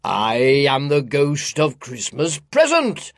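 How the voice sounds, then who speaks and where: A man voicing a jolly giant male spirit, kind and hearty, speaking slowly and emphatically in a storybook reading. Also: fairly high pitch, huge pitch swings, exaggerated voice.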